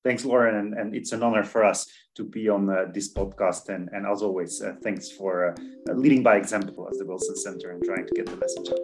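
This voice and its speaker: Male expert guest, somewhat low voice, earnest, stumbles and repeats himself while making a point. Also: fairly even intonation, a little fast. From Belgium. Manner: earnest, many restarts and repeated words. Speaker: podcast guest, food policy expert. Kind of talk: interview answers.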